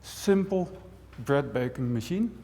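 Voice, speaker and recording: A man's voice: medium pitch, takes it slowly. Dutch-raised man lecturing in a big hall. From Netherlands. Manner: lively, conversational, with dry jokes and frequent "right?". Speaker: university professor and speaker. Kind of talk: conference talk to an audience. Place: large auditorium. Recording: long hall reverb from a large auditorium.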